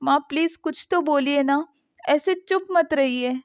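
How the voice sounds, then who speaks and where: A woman's voice: sits high, fairly even intonation, normal speed, no echo, close to an everyday voice. A woman voicing a grown son who begs his mother for forgiveness in tears. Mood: pleading. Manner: tearful, begging. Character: grieving middle-aged son pleading with his mother. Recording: dull dry lo-fi sound.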